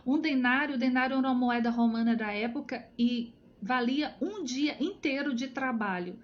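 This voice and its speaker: A woman's voice: sits high, moderate pace. A woman leading a live-streamed Bible study, explaining in a conversational way and often checking in with her viewers. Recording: dull lo-fi sound.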